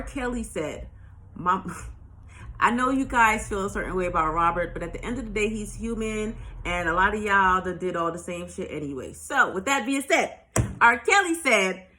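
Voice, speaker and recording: A woman's voice: mid-range voice, sharp tone. A woman speaking as a spiritual life coach in a casual motivational monologue, blunt and profane, pressing her points with repeated rhetorical questions. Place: at home, recording on her own.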